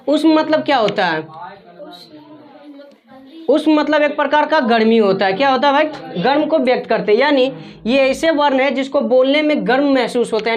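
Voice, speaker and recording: High-voiced woman teaching a class. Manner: asks the class questions and repeats the answers. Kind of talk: classroom grammar lesson.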